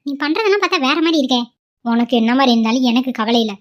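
A woman's voice: sits high, animated, racing, muffled recording. A woman voicing a stubborn, devoted young wife in a cartoon, pleading and insistent. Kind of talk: cartoon voice acting.

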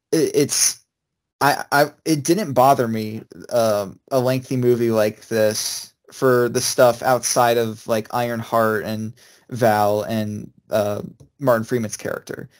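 A man in casual chat as co-host, talking in a halting way with frequent restarts. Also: medium pitch, steady tone.

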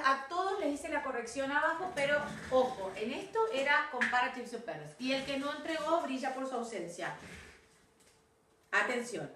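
Her voice high, bright, and forceful, an English teacher with a Rioplatense Spanish accent records feedback for her class, correcting students and frequently checking their understanding. The mic is distant, with a little hiss or hum, and her voice is off-mic in an echoey room.

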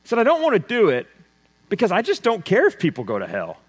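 A man preaches from the pulpit, his somewhat high voice carrying a long church reverb. He drives his points with loud emphasis, then drops to a hushed, intense delivery. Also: wildly swooping pitch, fast talker, slightly rough. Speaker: pastor. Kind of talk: sermon. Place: church sanctuary.

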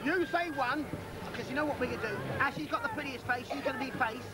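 A man's voice: very high-pitched, fast talker, over loud music. A middle-aged man doing kids party magician patter, theatrical and teasing, repeating commands to the children. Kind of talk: live kids' magic show patter. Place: outdoors on a lawn, garden party. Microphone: camcorder a few metres away. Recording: noisy outdoor camcorder, children's crowd around. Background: children's crowd, outdoor noise.

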